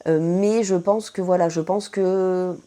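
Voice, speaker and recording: A woman's voice: on the low side, fairly even intonation, measured pace, dark tone. A woman from France with a French accent, chatting casually to her viewers as she answers their questions, full of fillers and self-corrections. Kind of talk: casual Q&A chat to camera.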